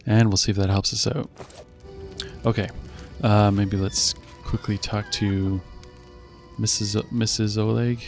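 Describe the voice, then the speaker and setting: A man hosting a let's play video, casually reading game text aloud and thinking out loud about his choices. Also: on the low side, level tone, unhurried, soft background music.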